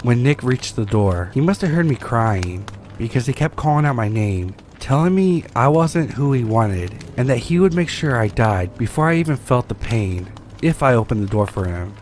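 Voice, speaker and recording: Male horror-story narrator, mid-range voice, calm measured read. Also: medium pitch, slight background noise. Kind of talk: scripted first-person horror story narration.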